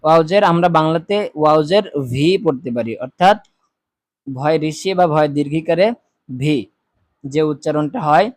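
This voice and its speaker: A man teaching Quran reading, slowly chanting letters and vowel sounds in a drill. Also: fairly high pitch, no room sound, clean studio sound. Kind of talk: spelling drill lesson.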